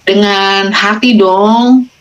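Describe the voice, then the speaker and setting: A woman, guest on a casual podcast, telling stories with animated, emotional delivery and acted-out quotes. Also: medium pitch, very slow. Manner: animated, emotional, quoting patients in dialogue. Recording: dull lo-fi sound.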